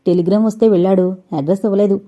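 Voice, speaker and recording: A woman's voice: medium pitch, fairly even intonation, rapid-fire, dark tone, close to an everyday voice. A woman voicing a distressed middle-aged mother who speaks with bitter, tearful sarcasm.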